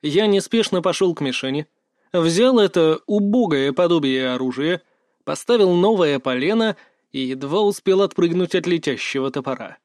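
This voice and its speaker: A man reading a first-person fantasy audiobook aloud, with measured pacing and lively rises in pitch. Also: dry recording, studio quality. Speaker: audiobook narrator.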